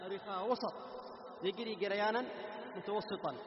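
A man teaching tajweed to students, explaining letter sounds, quizzing them, and chanting verses slowly as examples. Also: high-pitched, a loud crowd. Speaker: Quran recitation teacher. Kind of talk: tajweed lesson with recited examples. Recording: echoey hall, muffled, noisy.

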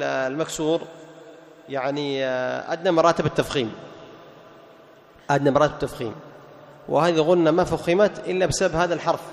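A man with a notably high voice teaches recitation rules to a room of students. He fires off quick questions, answers them himself, and breaks into short chanted examples. Long reverb from the hall trails every phrase. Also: gravelly. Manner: quizzes students with quick rhetorical questions, then repeats the answer. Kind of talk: classroom lesson on recitation rules. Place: classroom with students present.

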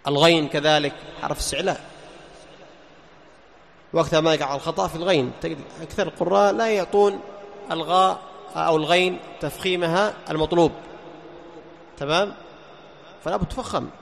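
High-voiced man teaching Quran recitation. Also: steady tone, gravelly. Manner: asks questions and answers them himself; chants verses slowly as examples. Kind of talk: tajweed lesson explaining letter articulation. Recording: long hall reverb, faint background noise.

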